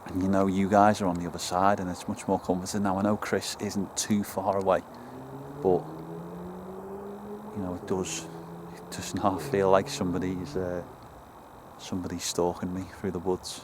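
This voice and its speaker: Uneasy Liverpool man in dark woods. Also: low voice, little pitch movement, normal speed, noisy background. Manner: hushed, uneasy. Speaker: paranormal investigator. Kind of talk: calling out to spirits, talking to camera. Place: woods outdoors at night. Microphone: handheld camera.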